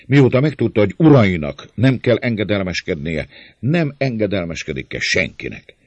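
A man's voice: fairly low pitch, very animated, darkish tone, husky, no room sound, highs cut off, pitched above the performer's own voice. A man voicing a bold, jovial young male leader, speaking in a raised, hearty, declaiming voice in an audiobook. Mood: exasperated. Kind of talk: audiobook character voice.

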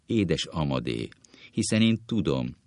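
A frightened woman coaxes, then pleads in a panic, her voice lurching up and down, as a man reading a comic play puts her on. Under it runs his deep, gravelly tone on a dry, close mic. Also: very animated, darkish tone, no room sound, exaggerated voice. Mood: soothing. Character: frightened, flustered woman hushing her lover.

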